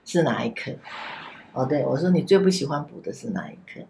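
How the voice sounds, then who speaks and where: A woman, an after-school center director, telling a story gently and vividly in a casual podcast chat. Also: low voice, animated, a little fast, creaky, a little hiss or hum. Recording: echoey room.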